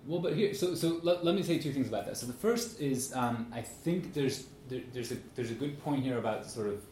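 Male academic-style speaker, medium pitch, informal and anecdotal, frequent check-ins, roomy sound. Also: fairly quick, darkish tone. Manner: conversational, checks in often with "right?". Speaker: speaker giving a talk. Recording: echoey room with faint noise.

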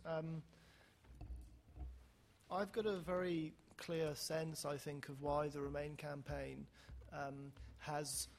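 A man answering audience questions as a debate panelist, setting out an argument with measured, searching phrasing. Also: fairly high pitch, vocal fry, a little hiss or hum.

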